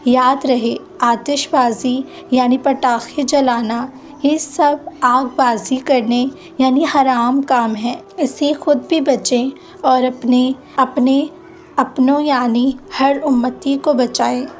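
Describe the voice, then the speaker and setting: A woman giving steady, step-by-step religious instruction as a channel host. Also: high-pitched. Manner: steady, instructive, listing steps. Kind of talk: scripted instructional talk.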